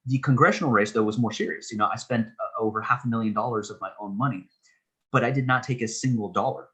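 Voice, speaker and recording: A man in his thirties speaks as an interview guest, with a forceful, somewhat husky voice. He lays out his points earnestly and at length, often restarting mid-sentence. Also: mid-range voice, fast, rough recording. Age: 30s. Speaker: political candidate, interview guest. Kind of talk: casual interview talk.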